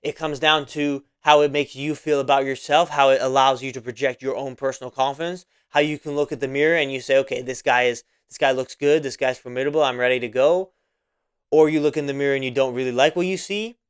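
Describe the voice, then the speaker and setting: A man's voice: medium pitch, steady tone, quick pace, clear, resonant tone. A man of about twenty hosting a casual solo podcast monologue, rambling and repeating himself with many fillers. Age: 20s. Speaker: podcast host.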